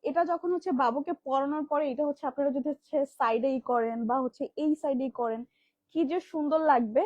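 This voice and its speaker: A woman from Bangladesh hosting a live stream, showing children's dresses in rapid, filler-heavy sales patter. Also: high voice, darkish tone, dry recording. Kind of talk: live product demo selling kids' dresses. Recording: dull lo-fi livestream audio.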